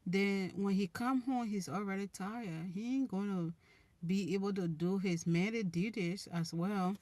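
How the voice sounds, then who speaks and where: A young Liberian woman with a Liberian accent runs a relationship channel, chatting casually on a live stream and giving viewers earnest advice. Her mid-range voice is a little slow and a little mellow, and she often restarts her phrases.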